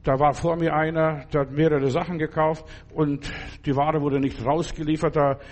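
A man preaching a sermon, urging his listeners with many repeated phrases and acting out prayers in a hushed voice. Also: on the high side, flat delivery, normal speed. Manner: exhorting, repetitive, acts out prayers in hushed tones.

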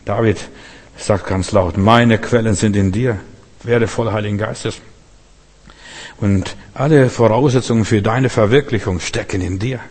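A man's voice: lowish voice, unhurried, a little mellow, in a large hall. A man preaching a sermon, speaking straight to his listeners and driving points home by repeating them. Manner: addresses listeners directly, emphatic repetition.

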